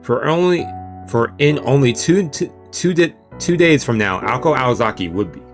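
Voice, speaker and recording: A let's play streamer reads a visual novel aloud with expression, blending narration with casual, playful reactions. His mid-range voice is animated and at normal speed, with music playing behind it.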